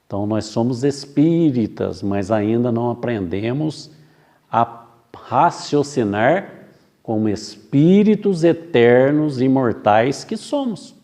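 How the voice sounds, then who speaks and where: A man giving a spiritist sermon as a lecturer, reflective and slow, asking rhetorical questions and acting out short dialogues. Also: medium pitch, animated, warm tone. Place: spiritist center hall.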